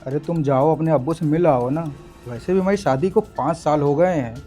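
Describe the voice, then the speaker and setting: An actor playing a gentle young husband who speaks softly and reassuringly. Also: male voice, fairly high pitch, normal speed, soft background music, close to an everyday voice. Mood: easy. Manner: soft, reassuring. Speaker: actor in a short drama. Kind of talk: Hindi short-film acting.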